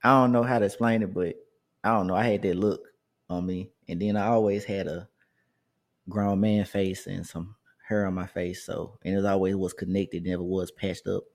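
Low-pitched and fairly flat in intonation, this thirty-something man moves at a moderate pace through a personal story. His telling is loose and conversational, wandering with restarts and little asides aimed at his audience.

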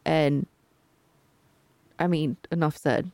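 A woman co-hosting a podcast as a coach, chatting and explaining in a lively, conversational way. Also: low-pitched, takes it slowly, dry recording. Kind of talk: casual chat.

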